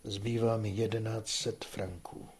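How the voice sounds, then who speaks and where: A man's voice: lowish voice, flat delivery, a little mellow, voice pushed up, natural voice. A man voicing an anxious, worn widowed mother with a fretful, pleading manner, in a read story.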